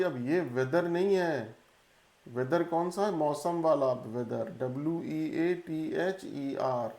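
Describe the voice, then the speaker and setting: A man's voice: on the high side, darkish tone, echoey room. A man teaching an exam-prep English lesson in Hindi, spelling out words letter by letter. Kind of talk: classroom-style lesson.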